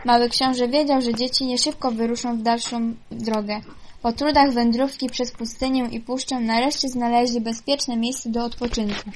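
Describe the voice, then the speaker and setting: A woman reading a children's fairy tale aloud in an unhurried way, now and then stumbling and correcting herself. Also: fairly high pitch, steady tone, slight background noise. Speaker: storyteller.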